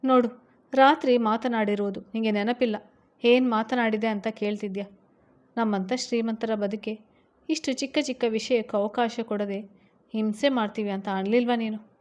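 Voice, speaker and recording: A stern young businessman husband, as a woman reads him aloud, scolds his wife harshly in a storybook reading. The voice runs a little louder than the narration. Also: a little high, steady tone, normal speed, natural voice. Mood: stern scolding.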